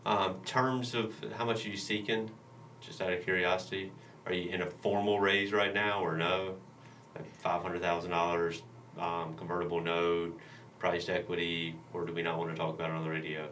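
Radio host guy, deep punchy voice, casual quick questions, bit far from mic w faint noise. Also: flat delivery, a bit bright. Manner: informal, prompting with short questions. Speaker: interview host. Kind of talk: casual radio panel interview. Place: room, radio show recording. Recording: distant mic with slight noise.

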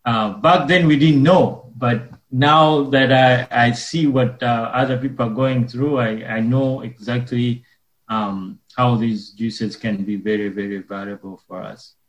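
A man from Uganda, speaking earnestly and haltingly as a guest in a radio interview. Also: mid-range voice, steady tone, roomy sound, low-quality recording. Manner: earnest, halting with frequent pauses. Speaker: guest, wellness business owner.

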